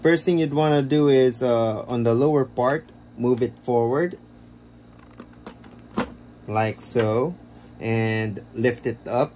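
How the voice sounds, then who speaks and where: A man vlogging a casual how-to walkthrough, explaining in a rambling, halting way, recorded on a low-quality phone camera. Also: a little mellow, slight background noise. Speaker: DIY vlogger.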